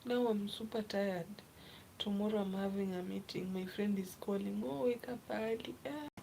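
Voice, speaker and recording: A young woman from Kenya chatting casually on a live stream, reading viewer comments aloud and often dropping to a soft, half-whispered voice. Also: mid-range voice, moderate pace, vocal fry, slight background noise, rough recording. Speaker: livestreamer.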